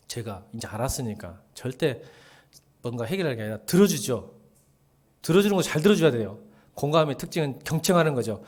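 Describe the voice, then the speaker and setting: Animated, joking male pastor. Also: on the high side. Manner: chatty and joking, acting out quoted dialogue, often dropping to a murmur. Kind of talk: casual midweek sermon.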